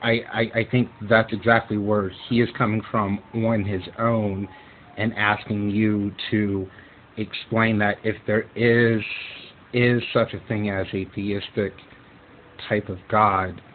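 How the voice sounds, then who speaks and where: Slow, low-voiced man moderating a call. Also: little pitch movement, phone-quality sound, a little hiss or hum. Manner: deliberate, repeating words as he starts sentences. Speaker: discussion moderator. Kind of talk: casual group discussion. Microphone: computer microphone on a voice call. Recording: compressed online voice call.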